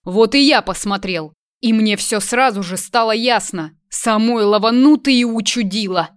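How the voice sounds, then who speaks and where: Woman voicing a loud mocking grown man. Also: a little high, moderate pace, no echo, studio quality, voice pushed up, natural voice. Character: brash loud grown man, former school rascal. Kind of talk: audiobook character voice.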